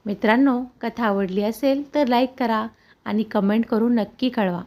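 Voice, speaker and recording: A woman calmly reading a moral story aloud in an earnest, steady storytelling voice. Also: fairly high pitch, moderate pace. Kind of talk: scripted story narration.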